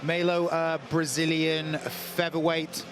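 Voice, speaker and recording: A man commentating a fight broadcast in a measured, analytic way. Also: a little high, flat delivery, heavy background noise.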